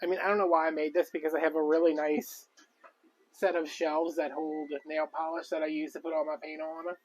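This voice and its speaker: A man's voice: a little high, little pitch movement, a little fast. A man chatting casually and rambling with lots of fillers while crafting on a live stream. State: out of breath. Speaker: crafting vlogger.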